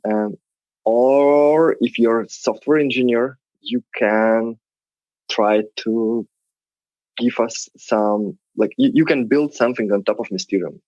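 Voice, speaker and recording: A man's voice: mid-range voice, slow, a little mellow, dry recording, dull audio. A man with a Lithuanian accent and non-native English phrasing, explaining things conversationally as an interview guest. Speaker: podcast guest, tech project representative.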